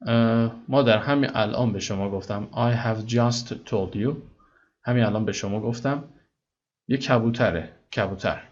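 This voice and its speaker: A man's voice: fairly low pitch, natural voice. An impatient grown son snaps back his answers, as a male teacher reads his lines. The voice stays close to the reader's own, and the recording sounds dull. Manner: exasperated. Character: impatient young adult son. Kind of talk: read-aloud story dialogue.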